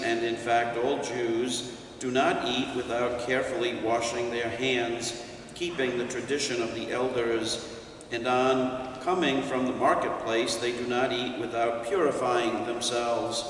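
Slow, measured older priest in echoing church. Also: male voice, medium pitch, a little hiss or hum. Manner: slow, measured, deliberate reading. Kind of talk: reading scripture and preaching a homily. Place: church sanctuary in front of a stained-glass window. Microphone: distant camera mic. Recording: echoey church from a distance.

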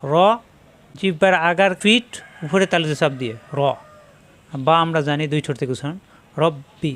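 A man teaching Quran recitation in Bengali, spelling out each syllable step by step and drawing out words slowly when he models them. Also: on the high side, a bit bright. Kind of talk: step-by-step spelling and pronunciation lesson.

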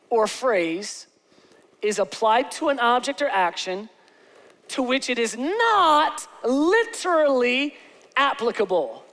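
A pastor in his forties preaches a sermon from a large church stage, cracking jokes and often asking the crowd "okay?" He slows down on key words, and his voice is very high-pitched with a fairly bright tone.

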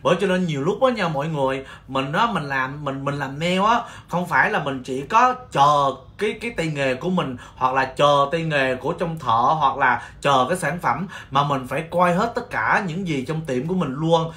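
A man from Vietnam who owns a nail salon, telling stories on his livestream in an animated, exclaiming way with mock-scolding rants. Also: on the high side, moderate pace, few pauses. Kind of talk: casual storytelling livestream.

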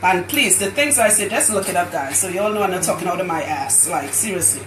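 Fast-talking and fairly low-pitched, a loctician with a Trinidadian accent keeps up a lively, laughing chat on her live stream from the hair salon. The space sounds roomy and the background is noisy.

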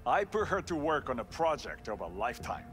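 Controlled corporate villain, formal, condescending, animated pitch, reverberant, video game. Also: male voice, brisk. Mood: controlled menace. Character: smooth-talking male corporate villain, controlled. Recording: reverberant room, game music.

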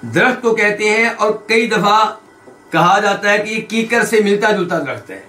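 High, bright-voiced man teaching a hadith class. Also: lively intonation, slight background noise. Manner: quizzes listeners with quick questions while explaining; recites quoted lines slowly, then explains them. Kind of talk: hadith lesson. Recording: echoey room.

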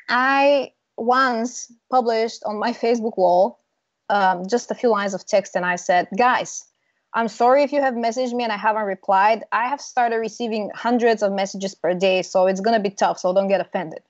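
A confident young Bulgarian woman, a branding consultant, is a guest on a casual video-call interview, speaking emphatically from a small indoor room and laughing now and then. Her voice is mid-range and her pace moderate. The earbud mic gives dry, dull lo-fi call audio.

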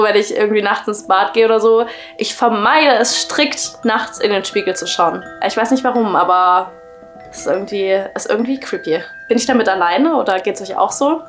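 A woman YouTuber narrating a creepy story with steady reading, then chatting casually with viewers. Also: a little high. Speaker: YouTuber reading horror stories.

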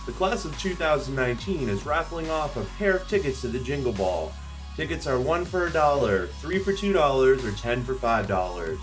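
Guy reading a promo, animated, highish voice, soft music behind. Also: normal speed. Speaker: announcer. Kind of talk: scripted promo.

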